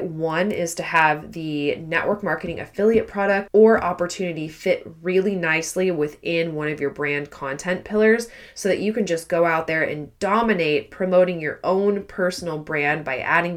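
A woman hosting a solo business podcast, her voice hoarse with a frog in the throat, coaching in an upbeat tone. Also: low-pitched. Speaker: podcast host.

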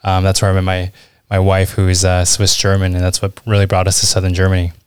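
A man's voice: low-pitched, fast talker, smooth, dry recording. A man in his thirties with an American accent, a guest chatting casually in an interview with many ums. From Washington, D.C. area, USA. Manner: relaxed, chatty, frequent ums and uhs. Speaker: guest, e-commerce manager.

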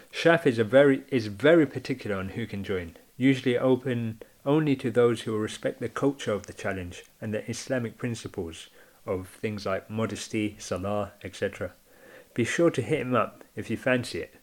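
Low-voiced male podcast host. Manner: friendly, introduces contributors. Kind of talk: podcast presenting.

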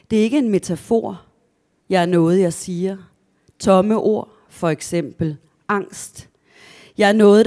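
A woman reading aloud from her own prose in a measured, deliberate way after a short spoken introduction. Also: medium pitch, mellow.

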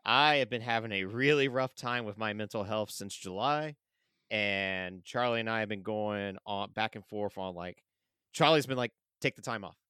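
A man with a bright, forceful voice talks openly and rambles as he co-hosts a movie podcast, laughing easily. His tone is smooth and clear, recorded close and dry. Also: fairly low pitch, normal speed, dry recording. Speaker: podcast co-host. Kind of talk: casual podcast chat.

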